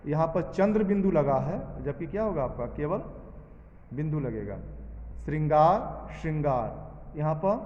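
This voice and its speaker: Guy teacher drilling his class, asks then answers himself, kinda high voice, echoey room. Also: a little mellow. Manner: drills students, asking and answering his own questions. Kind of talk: classroom lesson. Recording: echoey room with long reverb, dull sound.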